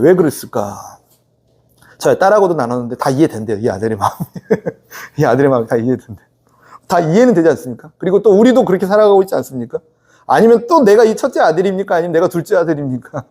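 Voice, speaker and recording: A man's voice: high-pitched, warm tone. A man preaching a Sunday sermon in church, conversational and interactive, often asking the congregation to answer back. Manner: acts out the sons and the father in quoted speech. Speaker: pastor. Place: church sanctuary.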